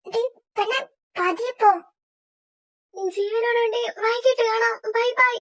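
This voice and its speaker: A woman's voice: very high voice, fairly even intonation, slow pace, pitched above the performer's own voice, full character voice, low-quality recording. A woman voicing a cheerful female friend who coaxes and teases the heroine. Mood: coaxing. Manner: coaxing, bossy.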